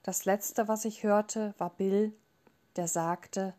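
A female audiobook narrator reads a novel aloud in a calm, measured, scripted style. Her voice is medium-pitched.

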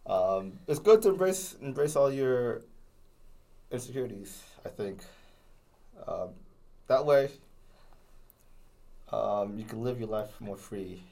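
A man's voice: mid-range voice, expressive, slow pace, gravelly, long pauses, warm tone. Young male co-host, slight lisp, loose rambling delivery, casual talk. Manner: rambling, many restarts and fillers. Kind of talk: casual chat.

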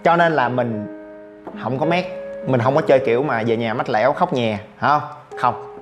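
A man from Vietnam hosting a podcast, telling a story in a lively casual monologue and acting out the voices of the people in it. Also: medium pitch, normal speed, over music. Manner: animated, acts out quoted voices, exclaims often. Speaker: podcast host.

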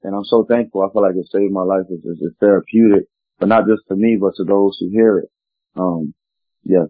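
Earnest man's lowish voice, phone-like line. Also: steady tone, a little fast, dry recording. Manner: earnest, meandering. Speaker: guest, spoken word poet. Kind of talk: reflective personal storytelling in an interview. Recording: tinny phone-like line, dry.

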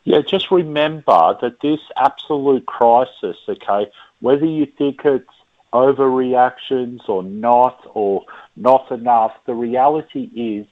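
A man's voice: mid-range voice, measured pace. An Australian man in casual ranting chat as a podcast panellist, with a blunt, exasperated, blokey way of talking. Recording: tinny phone-like line.

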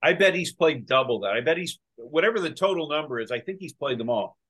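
A man hosting a golf podcast, chatting excitedly and restarting his sentences often. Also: fairly high pitch, fast talker, slightly rough. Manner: excited, talks in bursts with many restarts. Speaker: podcast host. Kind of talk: casual chat.

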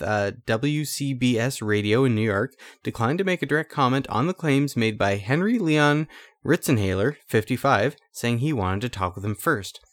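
A man's voice: medium pitch, no echo. A man co-hosting a casual podcast, reading old news stories aloud in an easygoing way. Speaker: podcast co-host.

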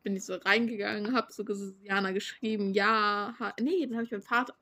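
A woman's voice: mid-range voice, fairly even intonation, fairly quick, sharp tone, slight background noise. A teenage girl hosting a podcast, telling a rambling story in casual, slangy chat with crude jokes. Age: teens. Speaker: podcast host.

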